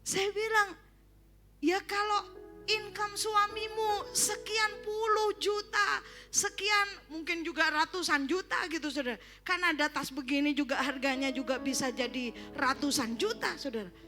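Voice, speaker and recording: A woman's voice: extremely high pitch, fairly even intonation, a little slow, sharp tone, soft background music. A woman pastor, preaching a church sermon in a chatty way with joking asides. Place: church service.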